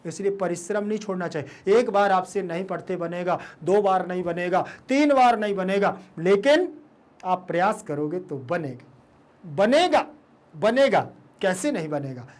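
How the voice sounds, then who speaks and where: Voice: medium pitch, expressive. A teacher patiently explaining a Sanskrit verse and drilling its pronunciation word by word with students. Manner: slow, patient, addresses students as "बेटा".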